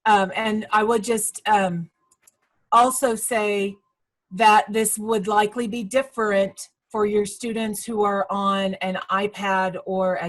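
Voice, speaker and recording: A woman on college staff answering instructors' questions during a video call training, speaking in a measured, informative way with frequent fillers. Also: mid-range voice, poor audio.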